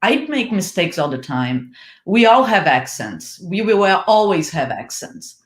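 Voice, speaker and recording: A Brazilian woman whose first language is Portuguese speaks with a Brazilian Portuguese accent in a mid-range voice, a little slowly, in an echoey room. She's a PR manager appearing as a guest on a casual online panel chat, explaining things steadily and often using "like" as a filler.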